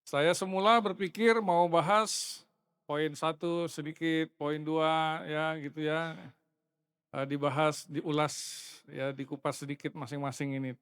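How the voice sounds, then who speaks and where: A man's voice: on the high side, fairly bright tone, clear, resonant tone, no room sound. Middle-aged male pastor, conversational sermon delivery, resonant tone, dry close sound. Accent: Indonesian. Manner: conversational preaching, addresses listeners as brothers, chuckles. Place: church sanctuary.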